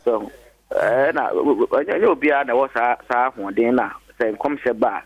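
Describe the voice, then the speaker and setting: A man's voice: medium pitch, moderate pace, no echo. A man with a Ghanaian accent calling in to a show, hesitant and full of ums as he makes his point. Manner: hesitant, many ums, mixes Twi and English. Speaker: caller. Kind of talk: phone-in chat. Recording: dull dry phone line.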